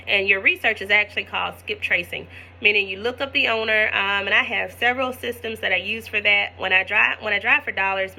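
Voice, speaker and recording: Chatty bright-voiced woman teaching wholesaling. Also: medium pitch. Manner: chatty, folksy asides to viewers. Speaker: real estate investor teaching wholesaling. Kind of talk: casual tutorial vlog.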